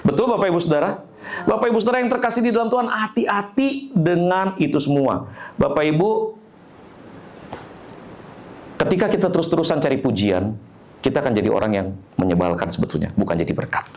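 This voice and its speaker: A man, a pastor telling a humorous story in an animated sermon. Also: a little high, fairly quick, a little hiss or hum.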